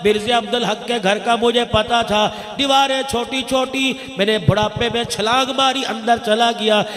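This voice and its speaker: A man's voice: very high voice, steady tone, moderate pace, a bit bright. A man preaching a sermon, telling a story with an impassioned, chanting cadence. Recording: echoey hall with long reverb.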